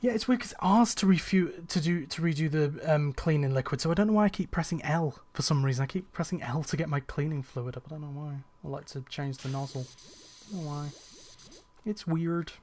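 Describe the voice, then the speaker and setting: A young gaming streamer plays a cleaning game on a live stream and chats casually with his viewers, rambling with fillers and restarts. He sounds a little tired. His voice is on the high side, brisk and darkish in tone, with slight background noise.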